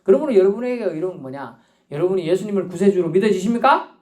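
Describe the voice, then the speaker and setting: A man's voice: high voice, animated, quick pace, darkish tone. A male pastor preaching a sermon in a church, acting out little scenes and laughing as he goes. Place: church sanctuary.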